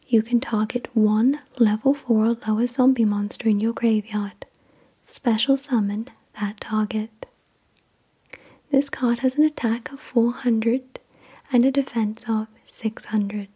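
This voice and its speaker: An ASMR video host whispers card readings in a very breathy, unvoiced way. Her voice is soft and dark yet fairly high for a woman, and she reads slowly, deliberately and soothingly.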